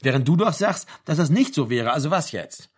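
A man's voice: on the high side, expressive, brisk, husky. A man doing an earnest, lecturing young woman. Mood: insistent, lecturing.

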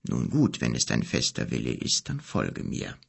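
A man reading an audiobook, voicing a grave, gentle bearded wizard in a solemn, hushed, unhurried way. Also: extremely low pitch, huge pitch swings, gravelly, slightly rough, pitched below the performer's own voice, full character voice. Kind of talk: audiobook character voice.

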